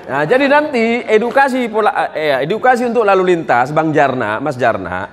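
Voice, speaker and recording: Speaking at normal speed in a slightly high, very animated voice, this male Islamic preacher jokes and banters with his audience. The humorous religious lecture takes place before a gathering in a large hall at a police headquarters.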